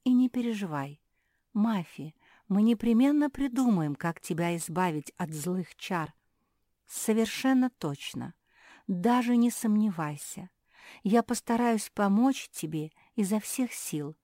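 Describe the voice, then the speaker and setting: A woman voicing a kind, gentle female singer who speaks calmly and soothingly to a friend in a children's storybook. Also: medium pitch, a little slow, dry recording, clean studio sound, pitched above the performer's own voice, lightly acted. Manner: soft, calm, soothing.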